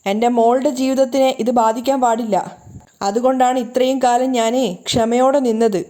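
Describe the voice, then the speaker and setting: A woman's voice: on the high side, steady tone, moderate pace, mellow, lightly acted. A woman voicing a grave, worried middle-aged family man urging caution.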